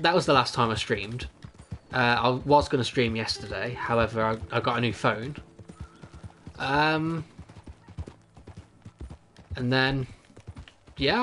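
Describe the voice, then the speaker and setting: Man, young adult, streamer, casual gameplay commentary, rambling, self-amused, mid pitch. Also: bright, forceful tone.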